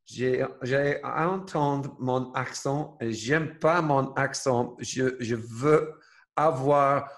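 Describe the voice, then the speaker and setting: Male host, unhurried, stumbling fillers in a loose conversation. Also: mid-range voice. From Ireland. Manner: hesitant, halting French with many fillers. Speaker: podcast host. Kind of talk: casual chat.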